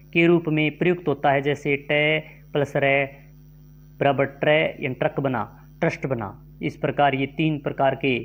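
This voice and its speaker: A man with a somewhat high voice leads an exam-prep grammar lesson. He reads multiple-choice questions and their options aloud. Then he explains each answer at an unhurried, deliberate pace. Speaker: teacher.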